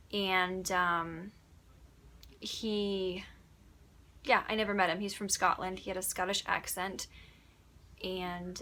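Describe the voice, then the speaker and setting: With a fairly low, bright and forceful voice, this young audiobook narrator from upstate New York gives casual Q&A answers. She's chatty and giggly, dropping in lots of ums and small laughs.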